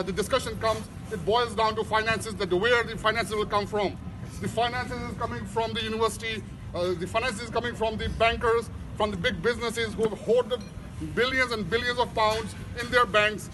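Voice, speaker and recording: A middle-aged man giving an emphatic political rally speech in halting, repetitive phrases with non-native English wording, recorded outdoors. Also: very high-pitched. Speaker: union branch activist, rally speaker. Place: outdoors on steps of a large stone building. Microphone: camera or phone a few metres away. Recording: outdoor street noise, handheld camera recording.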